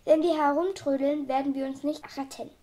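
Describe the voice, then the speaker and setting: A woman's voice: high voice, steady tone, brisk, dark tone, lightly acted. A woman voicing a kind and brave male animal doctor who speaks firmly and earnestly. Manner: firm, earnest.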